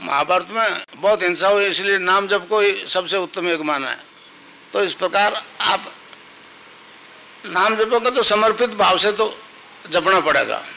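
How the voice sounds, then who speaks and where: An older man speaks as a spiritual teacher at a gathering. His voice sits high and sounds very bright and sharp. He instructs patiently, chants short mantras over and over and keeps asking whether his listeners follow him. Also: measured pace, creaky, pauses often, a little hiss or hum, poor audio. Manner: instructive, repeats mantras, asks listeners if they understood. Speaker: spiritual guru.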